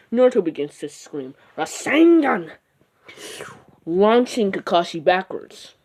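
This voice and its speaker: A casual fan storyteller rambles through an imagined plot, often restarting sentences and leaning on fillers. The voice has a mellow, darker tone at a middle pitch.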